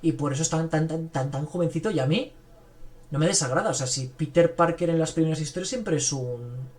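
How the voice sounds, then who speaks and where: Man, podcast host, enthusiastic, rambling, raised pitch. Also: fairly quick, darkish tone. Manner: enthusiastic, rambling, frequent fillers. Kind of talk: casual film review chat.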